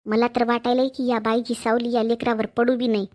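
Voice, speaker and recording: A woman plays a harsh mother-in-law who runs her household with scolding. She is sharp-tongued and scheming, and her voice sits high. The delivery is village family-drama acting. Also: level tone, brisk, lightly acted. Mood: scornful.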